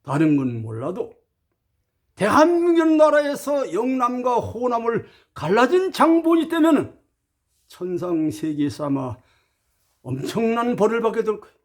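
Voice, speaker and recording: Guy preaching at his viewers, high voice that swings all over, emphatic, throws rhetorical questions, formal one sec then blunt. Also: sing-song, unhurried. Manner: emphatic, swings between formal address and blunt casual speech. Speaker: spiritual teacher addressing viewers. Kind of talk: preachy spoken monologue.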